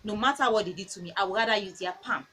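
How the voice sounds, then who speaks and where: A woman's voice: medium pitch, fast, sharp tone, slight background noise, poor audio. A woman in her thirties giving earnest parenting advice in a casual talk. She repeats phrases and tells stories from her own home.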